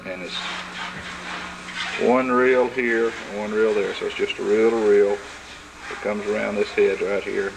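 A man with a fairly low, creaky voice speaks a little slowly and flatly, leaving long pauses, over a noisy background. He's filming home movies, chatting casually and explaining things step by step through an old camcorder's built-in mic.

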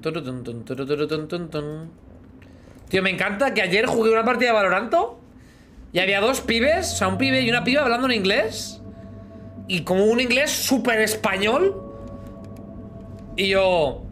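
Playing games live, a man in his thirties with a Spain Spanish accent chats and jokes with his audience while humming sound effects. He's on a headset in a small room, speaking at normal speed in a high-pitched, fairly bright voice over slight background noise.

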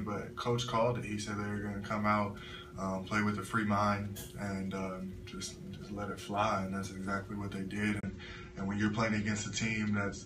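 His voice is on the low side: a young college basketball player fielding questions at a postgame press conference after a loss, giving measured, halting answers filled with fillers. He sits at a table mic in front of a sponsor backdrop, and the distant floor-camera recording is echoey and noisy.

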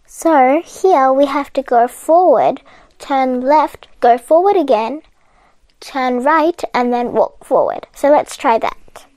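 A woman's voice: high voice, expressive, slow pace, a little mellow, no room sound. A woman walking viewers through a coding puzzle game step by step, chatty and patient, laughing off her own mistakes. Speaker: coding tutorial host. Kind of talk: step-by-step game walkthrough narration.

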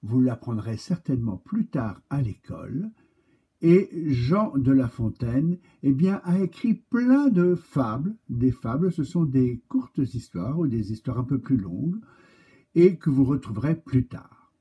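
A man reading a picture-book tale aloud to children, animated and speaking directly to his young listeners. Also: mid-range voice, measured pace, breathy edge, muffled recording. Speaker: storyteller for children.

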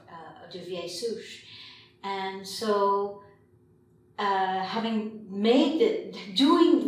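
An older documentary filmmaker from Quebec, Canada, reflects during an interview at a long table in an indoor meeting room, often pausing mid-sentence. Her voice is medium-pitched, and the recording is very echoey, with a distant mic and faint noise.

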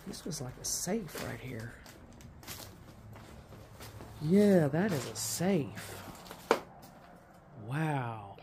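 A man with a gravelly, creaky voice talks unhurriedly as he picks through a derelict house, often exclaiming in wonder. The sound comes from a handheld camera mic, with a faint hiss behind him. His pitch sits in a middle range. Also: big pitch swings, extremely slow, pauses often. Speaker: urban explorer vlogger. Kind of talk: walkthrough narration of an abandoned house.

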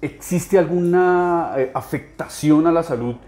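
A man's voice: on the high side, unhurried, darkish tone, a little hiss or hum. Colombian male host, conversational interviewer, thoughtful, long winding questions.

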